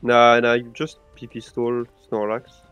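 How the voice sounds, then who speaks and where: A man's voice: medium pitch, monotone, highs cut off, loud music behind the voice. A man on a podcast, stammering as he questions and breaks down a game's moves. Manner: stammering, quick to question plays. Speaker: podcast guest. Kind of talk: casual gaming commentary.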